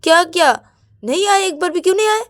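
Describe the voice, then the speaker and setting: A woman's voice: fairly high pitch, steady tone, normal speed, clear, resonant tone, pitched above the performer's own voice, natural voice. A woman voicing a young woman, sulky and jealous, complaining in a whiny, pouty way. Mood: hurt.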